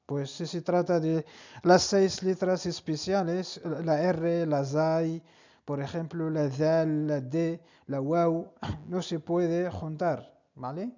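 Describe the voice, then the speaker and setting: A man teaching an Arabic lesson, speaking slowly and repeating each word for the learner. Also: on the high side, fairly even intonation, dark tone. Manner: slow, repeats words for the learner. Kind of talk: online language lesson. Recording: dull lo-fi sound.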